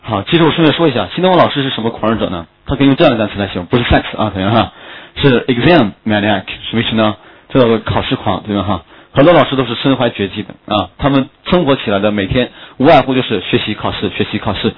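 A man's voice: mid-range voice, slightly rough, highs cut off. A man teaching English vocabulary in a classroom lecture, joking and asking his students questions. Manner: quick, joking, asks students questions often.

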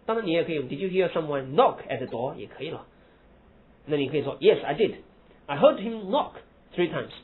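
A man teaching English grammar, explaining in Mandarin and reading English example phrases slowly and with emphasis. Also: fairly high pitch, expressive, a little hiss or hum. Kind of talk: lecture. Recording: husky lo-fi phone-like recording.

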